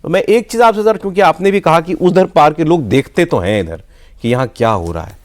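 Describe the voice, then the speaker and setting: A male talk show host with a fairly high voice that rises and falls a lot. He frames long questions for his guest in an animated way. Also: brisk. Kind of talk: hosting a studio discussion.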